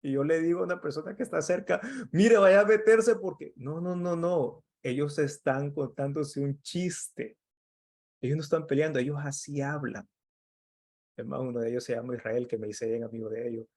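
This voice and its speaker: A man's voice: medium pitch, flat delivery, moderate pace, creaky, a little mellow. A middle-aged man from El Salvador, giving an earnest, conversational motivational talk as an emotional intelligence coach and acting out quoted dialogue.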